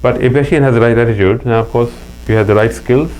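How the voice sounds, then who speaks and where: A casual interview features a middle-aged guest from Pakistan with a Pakistani accent, who tells stories earnestly and often restarts. He talks fast at medium pitch with a darkish tone. The recording is low quality and has a faint mains hum.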